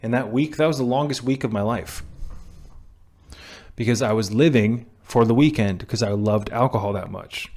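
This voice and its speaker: A man's voice: mid-range voice, normal speed, darkish tone. A young man speaks into a camera mic in a mid-range voice, lecturing viewers on addiction. He is blunt and preachy, stumbling into restarts and dropping the occasional curse as he pushes his point. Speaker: vlogger on sobriety. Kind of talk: direct-to-camera self-help talk.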